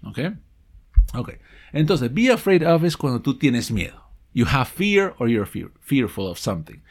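A man's voice: mid-range voice, very animated. A man teaching an audio lesson, explaining phrases patiently, checking in with his listeners and correcting his own slips. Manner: reads example sentences and dialogues slowly. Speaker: English teacher.

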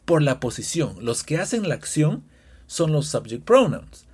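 A man's voice: on the high side, very animated, measured pace, a little mellow, breathy edge. A man hosting an audio English lesson, explaining grammar step by step and often checking in with his listeners. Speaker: English teacher. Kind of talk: podcast language lesson.

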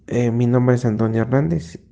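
A man from Mexico leaving a hesitant, halting recorded question for a language podcast. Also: medium pitch, steady tone, creaky, warm tone, lo-fi sound. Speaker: caller.

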